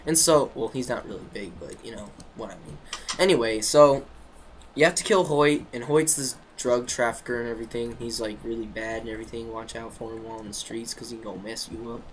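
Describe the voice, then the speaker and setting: A man's voice: medium pitch, brisk, a little hiss or hum, rough recording. A man casually recapping a video game's story, rambling with lots of fillers, restarts and slangy jokes. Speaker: gaming video creator.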